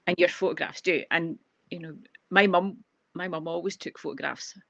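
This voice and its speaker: A woman's voice: fairly low pitch, normal speed, gravelly, a bit bright, no echo, lo-fi sound. A woman with a Scottish accent, a guest photographer, telling family stories in a chatty way with frequent ums and restarts. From Scotland. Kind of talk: casual conversational interview. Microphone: video call.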